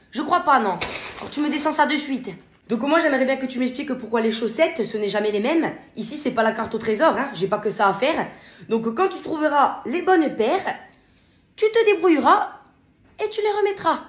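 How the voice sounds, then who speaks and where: A woman's voice: sits high, a bit bright, reverberant, voice pushed up. A woman voicing a nagging mother in a comedy sketch, scolding and bossy.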